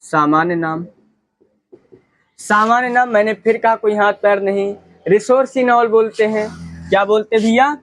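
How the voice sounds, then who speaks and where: A man's voice: high voice, normal speed, pauses often, a bit bright, no room sound. A man teaching a chemistry lesson, asking questions and answering them himself, repeating key terms. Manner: repetitive, asks and answers his own questions. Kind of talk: classroom lecture.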